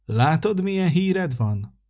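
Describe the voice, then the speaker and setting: Man doing gruff old December. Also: a little high, very animated, dull audio, pitched above the performer's own voice. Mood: gruff kindly. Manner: grumbling, gruff but gentle.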